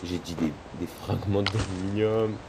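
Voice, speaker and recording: Excitable French-speaking gamer man. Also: sits low, normal speed, background noise. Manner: jokey, excitable, talks to viewers and game characters. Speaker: gaming video host. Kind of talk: casual let's-play commentary. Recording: loud game music behind.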